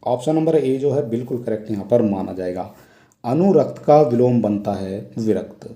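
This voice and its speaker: A man's voice: medium pitch, animated, normal speed, warm tone. A man teaching Hindi exam questions, reading each question aloud and explaining the answer step by step. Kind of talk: exam question walkthrough lesson. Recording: echoey room.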